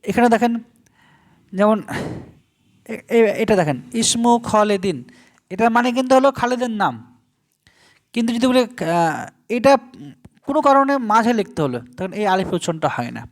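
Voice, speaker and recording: A man from Bangladesh teaching Arabic grammar in Bengali in an online lesson, explaining step by step and slowly spelling out Arabic terms. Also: sits high, animated.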